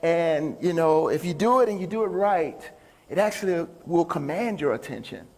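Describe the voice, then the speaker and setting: Bantering with listeners, a man gives a cheerful, folksy live talk as a motivational speaker and musician inside a large stage venue. His voice is slightly high and darkish, animated, at a normal speed, and the recording carries echoing hall acoustics.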